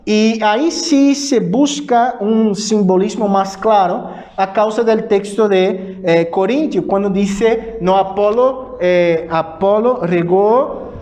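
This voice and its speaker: A Brazilian man, a native Portuguese speaker with a Brazilian accent, gives an informal, didactic church lecture, often checking in with tag questions. His voice is high with a darkish tone.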